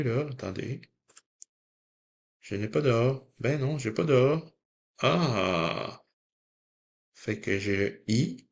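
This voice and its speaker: This man has a fairly low voice and a Québécois French accent. He scratches lottery tickets as he talks casually to his viewers, calling out the letters one by one.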